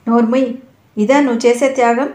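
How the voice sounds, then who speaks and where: A woman voicing a frightened but defiant young married woman who shouts back in fear and anger, in an audio novel. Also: a little high, steady tone, moderate pace, lightly acted. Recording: echoey room.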